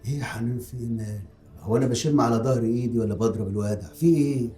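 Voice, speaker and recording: A man's voice: medium pitch, rapid-fire, dark tone, faint music behind, natural voice. An actor with an Egyptian accent playing a pious-talking, scheming middle-aged man who threatens his ex-lover in a film drama. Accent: Egyptian Arabic. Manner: sanctimonious, menacing, full of religious phrases.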